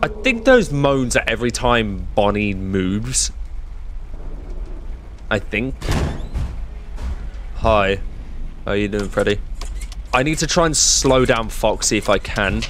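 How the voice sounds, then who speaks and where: A young man talks through a horror game, joking sarcastically with the monsters. His pitch swings widely as he goes. A faint hiss of noise sits under his voice. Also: big pitch swings, slow pace, long pauses, fairly bright tone. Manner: chatty, sarcastic, talks to the enemies. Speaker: gameplay streamer.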